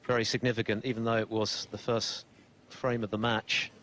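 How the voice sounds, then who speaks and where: A man commentates on snooker in a fairly low voice with little pitch movement. His phrasing is articulate and formal, built in long considered sentences, with noticeable venue noise behind him. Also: little pitch movement, moderate pace. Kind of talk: sports commentary. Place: live snooker broadcast commentary.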